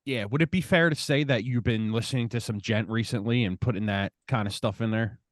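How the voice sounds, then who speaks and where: A man's voice: on the low side, fairly quick, no room sound. Laid-back man co-host, dry sound. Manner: laid-back, says dude and man a lot. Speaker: podcast co-host. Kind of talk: casual chat.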